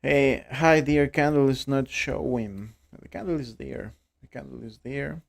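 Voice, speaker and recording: Slow, gravelly-voiced Costa Rican man. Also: medium pitch. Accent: Costa Rican Spanish. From Costa Rica. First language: Spanish. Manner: halting, repeats words, non-native English. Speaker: livestream trading host. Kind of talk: casual live-stream chat.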